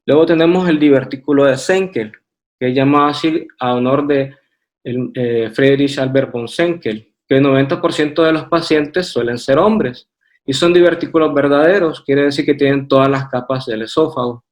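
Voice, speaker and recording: A man's voice: mid-range voice, steady tone, normal speed. A man with a Honduran Spanish accent presenting a radiology lecture from slides, methodical, with hesitant fillers and restarts.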